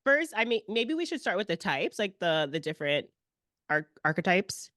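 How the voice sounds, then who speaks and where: A woman's voice: mid-range voice, big pitch swings, normal speed, a bit bright, dry recording, clean studio sound. A woman hosting a podcast interview, speaking in an affirming, reflective way. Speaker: podcast host. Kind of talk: casual interview chat.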